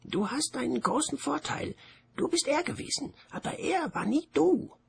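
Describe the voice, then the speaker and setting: A man's voice: extremely high pitch, very animated, normal speed, vocal fry, pitched above the performer's own voice, full character voice. A man raising his voice for a storybook figure in a read-aloud. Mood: grave.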